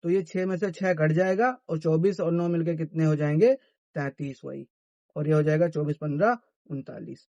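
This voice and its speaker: Male math teacher, answers his own questions, pitched high. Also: moderate pace, a little mellow, dry recording, lo-fi sound. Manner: asks questions and answers them himself. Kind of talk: classroom-style math lesson.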